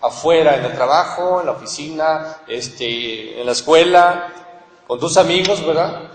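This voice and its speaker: Mexican pastor preaching in an echoey hall. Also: male voice, fairly high pitch, unhurried. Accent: Mexican Spanish. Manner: earnest, keeps calling on listeners with rhetorical questions. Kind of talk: sermon. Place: church hall. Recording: echoey church hall with long reverb.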